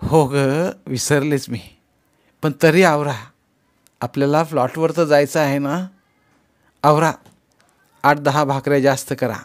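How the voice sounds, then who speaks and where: A fretful village mother hurries her family along in a read-aloud storybook, as a man puts her on. The voice sits a little higher and louder than his own and keeps a fussing, bustling edge. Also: fairly even intonation, a little slow, long pauses, close to an everyday voice. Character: anxious excitable village mother, woman.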